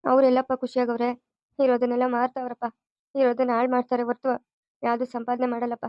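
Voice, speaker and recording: A woman's voice: a little high, monotone, fast, dry recording, highs cut off, close to an everyday voice. A woman voicing a tearful middle-aged mother who laments her family's troubles in a cartoon. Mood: sorrowful. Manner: sorrowful, lamenting.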